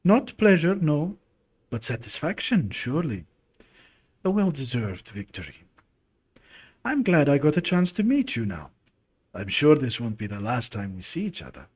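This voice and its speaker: Sly smooth-talking woman in an rpg a guy reading her, knowing tone. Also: a little high, huge pitch swings, moderate pace, long pauses, a little mellow, exaggerated voice. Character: sly woman who slips off uninvited.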